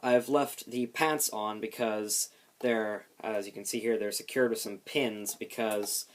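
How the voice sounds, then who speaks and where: A man with a somewhat low voice walks through a homemade build. His delivery is casual and explanatory, like a hands-on demonstration. He is lightly self-deprecating about his own explanations. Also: steady tone, unhurried.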